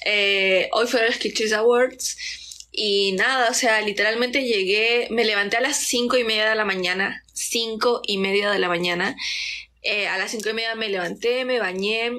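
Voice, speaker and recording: A young woman from Chile with a faint Chilean accent softened by years in Mexico, chatting casually through a story time while doing her makeup, rambling and easily distracted, full of fillers and sometimes slipping into a whisper. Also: medium pitch, fairly even intonation, unhurried. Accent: Chilean Spanish, softened by Mexican. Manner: drops into whispers now and then. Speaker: content creator.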